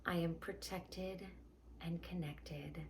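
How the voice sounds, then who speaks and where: Slow, hushed woman guiding meditation in near-whisper. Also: fairly low pitch, fairly even intonation, a little hiss or hum. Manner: slow, gentle delivery with long pauses. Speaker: meditation guide.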